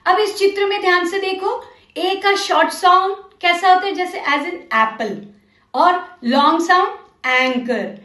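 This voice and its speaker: A woman teacher with a high voice takes a children's literacy lesson slowly and patiently. She encourages her young learners and mixes Hindi with English. The sound has an echoey room around it. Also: a bit bright.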